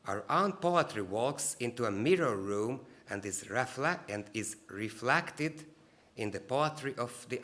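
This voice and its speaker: A man's voice: medium pitch, fairly bright tone. A man with a Hungarian accent giving a formal opening speech at a literary congress. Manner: reads a prepared speech steadily, with a few restarts. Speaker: speaker from a cultural agency.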